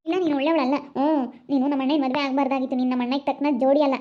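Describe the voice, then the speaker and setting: A woman's voice: high voice, level tone, very fast, lightly acted. A woman playing a spiteful young sister-in-law who taunts her brother's new wife. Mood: resentful. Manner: taunting, complaining. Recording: dull lo-fi audio.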